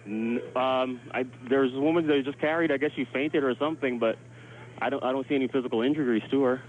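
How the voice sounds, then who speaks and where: Over a dull, crackly phone line with sirens and alarms blaring behind, a hotel worker talks fast through a live, informal account of what he saw. His pitch is medium, his intonation fairly flat, and "like" keeps popping up in his loose wording.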